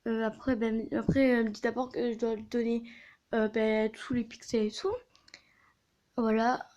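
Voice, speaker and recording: A woman telling a story in a casual video, talking quietly and hesitantly with many fillers and restarts. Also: fairly high pitch, level tone, moderate pace, dull audio. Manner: soft-spoken, quiet. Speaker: video creator.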